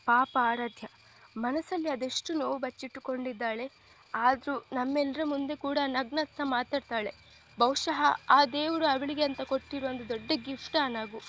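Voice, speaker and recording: A protective young man, the caring elder-brother sort, comforting and gentle in an audio storybook, as a woman reader puts him on. The voice sits high, and the recording is dull and lo-fi. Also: moderate pace, a little hiss or hum. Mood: musing. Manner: gentle, reassuring, affectionate.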